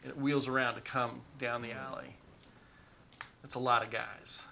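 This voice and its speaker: A man running a tabletop game as game master, narrating scenes in an animated, playful way. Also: medium pitch, moderate pace, gravelly, a little hiss or hum.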